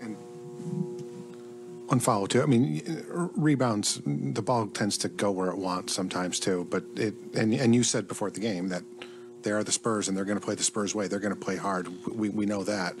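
A man's voice: on the low side, fairly even intonation, moderate pace, creaky, music in the background. A man, a reporter, asking a coach probing questions, with restarts.

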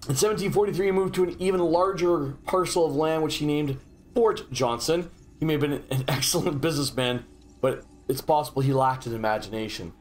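A man streams a video game from home, reading in-game history and cracking sarcastic asides. His voice sits mid-range. A faint hum of noise sits behind him. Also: mid-range voice. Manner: joking, sarcastic asides while reading lore. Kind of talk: casual gameplay commentary.

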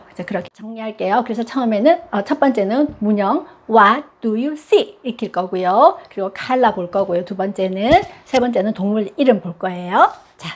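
A woman explaining children's English activities to parents in a chatty instructional style, switching into a high sing-song voice for the drills. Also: a little mellow. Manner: chatty, gives advice to parents. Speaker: English teacher for young children.

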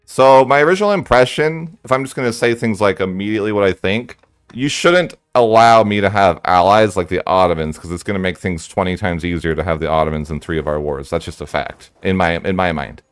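A man's voice: low-pitched, fairly quick, clean tone, no echo. A man giving casual, rambling commentary while playing a strategy game, thinking aloud candidly into a close microphone.

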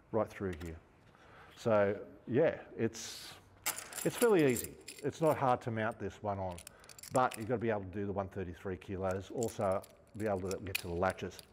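Speaking in a fairly low, darkish voice, this Australian man in his fifties presents for an outdoor gear store, talking easily as he handles equipment in a large showroom. A long reverb tail trails his words, and a little hiss or hum sits underneath.

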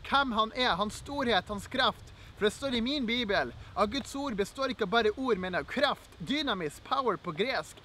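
A man's voice: sits high, expressive, bright, forceful tone, a little hiss or hum. A young man with a Norwegian accent giving an earnest, encouraging Bible teaching, reading scripture aloud. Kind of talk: devotional Bible teaching video.

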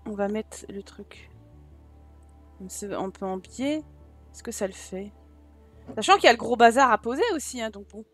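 A woman with a southern French accent, voice sitting a little high, chats easily through a let's-play. She talks straight to her viewers and thinks aloud as she goes. Soft game music plays faintly underneath. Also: normal speed, pauses often. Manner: chatty, addresses viewers directly, thinks aloud. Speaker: gaming YouTuber. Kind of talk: casual let's-play commentary.

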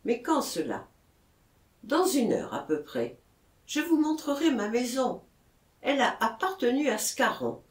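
Woman doing a gentle measured mayor, calm authority, slow, echoey room. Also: extremely high pitch, distant mic, pitched above the performer's own voice, exaggerated voice. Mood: courteous. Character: kindly, measured older male mayor.

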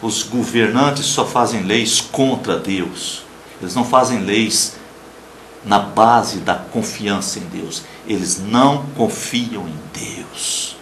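A man preaching a televised sermon with a Brazilian accent, emphatic, swinging between loud declarations and soft murmurs and acting out the people he quotes. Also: lowish voice, takes it slowly, slight background noise. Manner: acts out quoted people in raised voices. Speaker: pastor. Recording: roomy with faint ambience.

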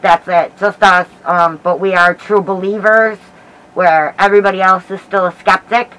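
A middle-aged American woman giving a casual vlog update in a hesitant, halting way while feeling sick with a headache. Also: mid-range voice, steady tone, a bit bright, rough recording. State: unwell with headache and nausea. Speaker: paranormal vlogger. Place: small dim bedroom, indoors. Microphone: camera mic at about arm's length, through a cloth face mask.

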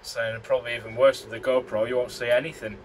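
A man's voice: medium pitch, level tone, quick pace, a little hiss or hum, low-quality recording. A man from Morecambe with a northern English accent, rambling casually as he talks through his work as a crane operator from inside the cab. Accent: northern English, Lancashire. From Morecambe, northern England. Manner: chatty and rambling, with easy chuckles. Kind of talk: casual vlog commentary. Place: inside a tower crane cab high above a site.

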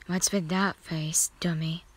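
A woman's voice: fairly low pitch, fairly even intonation, takes it slowly, breathy edge, pitched below the performer's own voice. A woman voicing a cocky, teasing teenage boy in a whispered role-play, bossing the listener around.

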